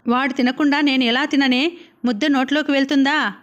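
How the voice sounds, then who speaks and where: A woman's voice: high-pitched, steady tone, fairly quick, muffled recording, natural voice. A woman reading as a plaintive, pleading mother. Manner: pleading, self-pitying. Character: indulgent middle-aged widowed mother, plaintive.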